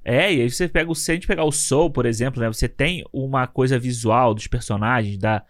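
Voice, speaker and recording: A man's voice: medium pitch, brisk, no room sound, studio quality. A man chatting casually about films in an emphatic, slangy way, often checking in with his listener. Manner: emphatic, slangy, keeps asking "sabe?". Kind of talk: casual film discussion.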